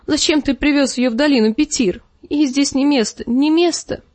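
A woman's voice: high-pitched, moderate pace, a little mellow, dry recording, voice pushed up, lightly acted. A woman voicing a jealous, hysterical noblewoman who screeches and pleads through tears. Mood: shrill hysterical.

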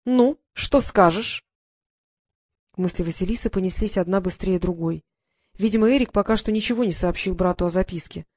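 Female audiobook reader, lively storytelling, dry close mic. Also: on the low side, fast talker, no room sound. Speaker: audiobook narrator. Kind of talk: scripted narration.

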